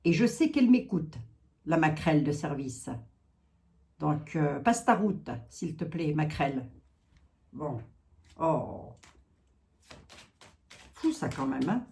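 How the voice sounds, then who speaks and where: A woman's voice: sits low, animated, takes it slowly, creaky, pauses often, a little mellow. A French-speaking woman doing a card reading, chatting casually with her viewers and filling her talk with asides. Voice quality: chatty, talks to viewers, many asides and "hein". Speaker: card reader.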